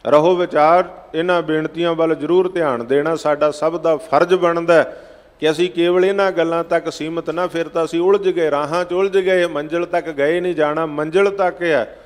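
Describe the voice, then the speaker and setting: A man preaching a sermon, chanting scripture lines slowly and then explaining them in plain speech. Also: on the high side, fairly even intonation. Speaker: Sikh preacher giving scripture exposition. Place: large gurdwara hall. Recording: long hall reverb.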